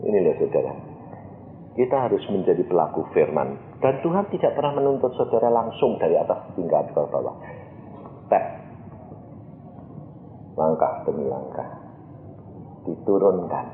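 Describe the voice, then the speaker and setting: A middle-aged preacher, delivering a sermon and acting out dialogues, swinging from quiet to loud. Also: male voice, low-pitched, very animated, normal speed, long pauses, slight background noise. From Indonesia. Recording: tinny, echoey church PA recording.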